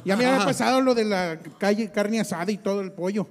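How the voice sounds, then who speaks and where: A man's voice: high-pitched, fast, big-room sound. A man, a clown comedian, telling a comic story and imitating the voices of the people in it. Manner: lively, imitates other voices in his story.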